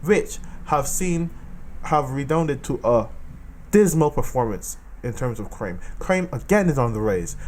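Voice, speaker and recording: A Caribbean man with a mid-range voice, a political commentator, delivers an animated, casual monologue about politics. He keeps repeating phrases to drive his points home.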